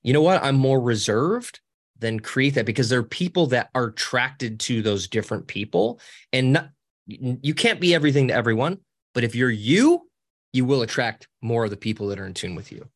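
On a podcast, a guest who co-founded a social media company speaks in a high voice, breaking into a cackling laugh now and then. His interview talk is casual and cheeky, with lively intonation and a moderate pace, and his pitch swoops up and down as he rambles and restarts sentences.

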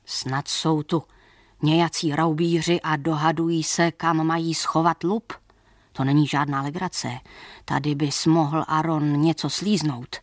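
A woman's voice: low voice, fairly even intonation, no echo, clean studio sound, lightly acted. A woman voicing a sly, poor older male peddler who talks in a wheedling way, mixing in German and Yiddish words. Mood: scheming.

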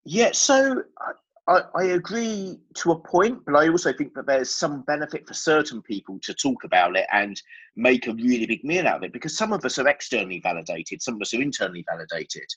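A man's voice: medium pitch, sing-song, a little fast, a bit bright, breathy edge, dull audio. A man with an Essex accent giving candid, explanatory answers as a guest in a conversational interview. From Essex, England. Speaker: podcast guest, business owner.

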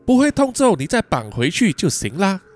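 A man voicing a frightened young woman student who softly pleads and coaxes. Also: high voice, wildly swooping pitch, a little fast. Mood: coaxing. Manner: soft, pleading, coaxing.

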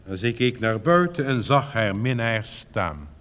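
A man reading a fairy tale aloud in a slow, lilting storytelling manner. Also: medium pitch, sing-song, a bit bright. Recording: reverberant recording with faint hiss.

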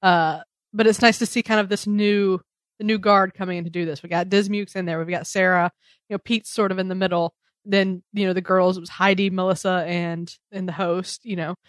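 A woman's voice: on the low side, fairly even intonation, a little fast, no echo, clean studio sound. Chatty laughing woman podcaster. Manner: chatty, laughs often, many "like" fillers. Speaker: podcast co-host reviewing sketch comedy. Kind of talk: casual chat.

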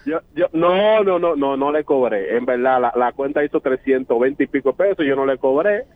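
A man's voice: mid-range voice, lively intonation, moderate pace. A man with a Dominican accent, an Uber driver telling a slangy, swaggering anecdote on a radio show. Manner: streetwise, slangy, swaggering storyteller. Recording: tinny, dry phone line.

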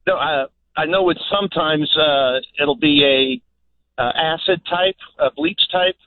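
Man over the phone, tinny phone line, fairly high voice, hesitant with many uhs. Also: a little slow, a little hiss or hum. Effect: heard over the phone. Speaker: caller. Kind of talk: call-in question to a radio show.

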